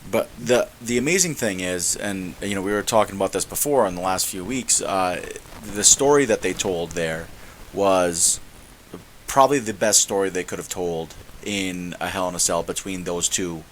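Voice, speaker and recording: A man's voice: low-pitched, normal speed, a little hiss or hum. A man co-hosting a wrestling podcast, chatting in an easygoing, somewhat rambling way. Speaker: podcast co-host. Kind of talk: casual chat.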